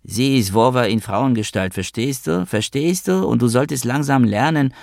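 A man's voice: mid-range voice, expressive, normal speed, creaky, a little mellow, dry recording, studio quality, pitched above the performer's own voice. A man reading an audiobook, voicing a teasing, sarcastic male friend on the phone. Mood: mocking. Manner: sarcastic, needling.

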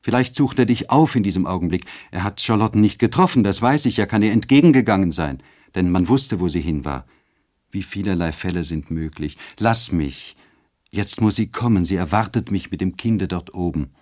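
A man's voice: sits low, lively intonation, darkish tone. A man voicing an anxious young woman who hurriedly urges her lover to leave, in a storybook reading. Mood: urgent. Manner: urgent, hurried.

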